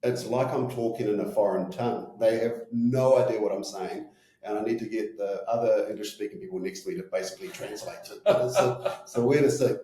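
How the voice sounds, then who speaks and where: Kiwi male executive, 40s, broad accent, dark relaxed tone, informal interview delivery, roomy sound. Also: on the low side, a little fast, soft background music. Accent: broad New Zealand (Kiwi). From New Zealand. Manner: informal, peppers talk with "you know" and "right?". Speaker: company executive being interviewed. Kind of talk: casual interview talk.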